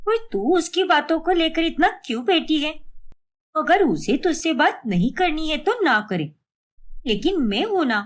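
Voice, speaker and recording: A woman voicing a chatty, bossy older sister who pushes her opinions. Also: high-pitched. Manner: chatty, pushy.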